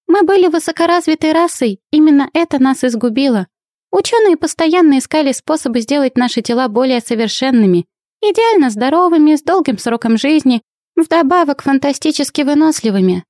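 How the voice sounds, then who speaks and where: Winnie, a woman voicing a high weary guinea pig spirit. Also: animated, a little fast, darkish tone, no room sound, clean studio sound. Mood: wistful. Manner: sighing, world-weary storyteller. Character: ancient female alien soul in a guinea pig. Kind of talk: audiobook character voice.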